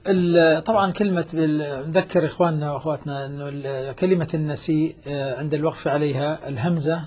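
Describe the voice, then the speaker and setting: Quick, husky-voiced man teaching recitation. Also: fairly high pitch, steady tone, darkish tone. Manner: measured, demonstrates pronunciation. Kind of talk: explaining recitation rules on a broadcast.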